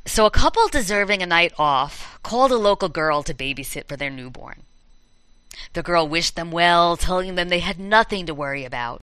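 A woman's voice: fairly low pitch, expressive, normal speed, sharp tone, clean tone, no echo, poor audio. A woman hosting a chat, telling campfire horror stories in a dramatic, playful way. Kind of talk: storytelling in casual chat.

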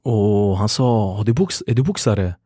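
Guesting on a podcast, a young MMA fighter from Sweden animatedly recounts stories in a casual interview, imitating the people he quotes and dropping fillers such as "du vet." He speaks in a low, mellow voice. The sound is close-miked and dry, without any echo.

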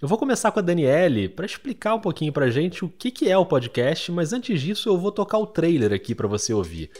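A man's voice: a little high, very animated, fairly quick, a little mellow. A man hosting a podcast, introducing his guests in an enthusiastic and admiring scripted narration. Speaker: podcast host.

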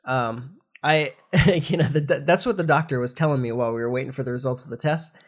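A middle-aged podcast host with a medium-pitched voice talks briskly, his voice nasal and congested after a recent bout of flu. He chats casually, explaining the news in an informal way.

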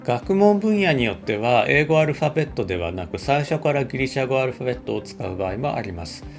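A man, a computer scientist, giving an explanatory talk at a measured pace with frequent filler words. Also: mid-range voice, very animated, faint music behind.

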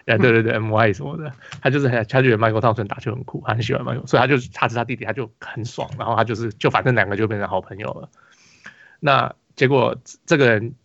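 A man's voice: mid-range voice, steady tone, fast, creaky, a bit bright, no room sound, highs cut off. A man with a Taiwanese Mandarin accent, hosting a casual basketball podcast, telling a rambling story full of restarts and fillers. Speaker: podcast host.

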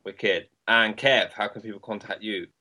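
Guy hosting a casual podcast, lowish voice, bit lethargic and hesitant, sounds like his mouth hurts. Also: fairly even intonation, moderate pace, bright, forceful tone. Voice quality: slightly impeded by a sore mouth. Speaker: podcast host.

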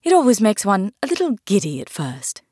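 A woman's voice: medium pitch, wildly swooping pitch, brisk, dark tone, husky, no room sound, clean studio sound. A woman voicing a kindly, muddle-headed storybook queen in an airy, matter-of-fact way.

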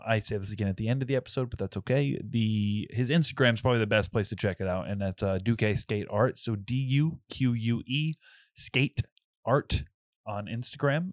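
A man's voice: medium pitch, no echo, clean studio sound. A man chatting casually as a podcast co-host, explaining things in a laid-back, self-deprecating way. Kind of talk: casual chat.

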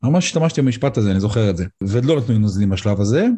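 A middle-aged man, an emergency physician, speaking as a podcast guest and pausing often on "uh" fillers as he talks. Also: fairly low pitch, expressive, warm tone, breathy edge. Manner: hesitant, frequent "uh" fillers. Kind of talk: podcast interview, personal account.

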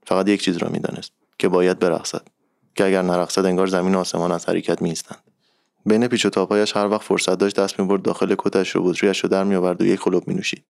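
Deep gravelly man reading a story. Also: darkish tone, no room sound, clean studio sound. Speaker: narrator. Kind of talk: reading a literary short story.

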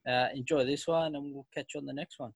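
A man's voice: mid-range voice, steady tone, fast, creaky, husky, dry recording. An Australian man hosting a casual club podcast, laid-back and calling people mate. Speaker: podcast host.

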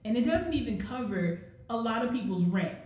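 A woman's voice: fairly high pitch, animated, brisk, darkish tone, heavy reverb, highs cut off. A woman co-hosting a casual podcast, talking bluntly and heatedly and swearing freely. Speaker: podcast co-host.

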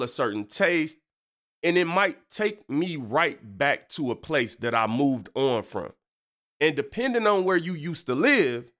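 A young preacher from Michigan hosts a casual faith podcast while congested from a cold, his voice slightly high and a bit bright. His talk is loose and slangy, packed with fillers and asides.

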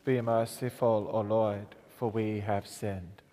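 A male priest leading Mass with measured, solemn reading and sung acclamations, his voice ringing with a cathedral echo in a large church. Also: on the low side, little pitch movement, mellow. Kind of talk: liturgical reading and chanting at Mass. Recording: long church reverb.

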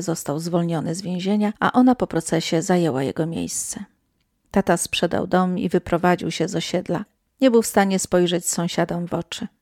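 A woman telling a first-person horror story in scripted narration, hushed and sometimes sinking to a whisper. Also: on the low side, no room sound, studio quality.

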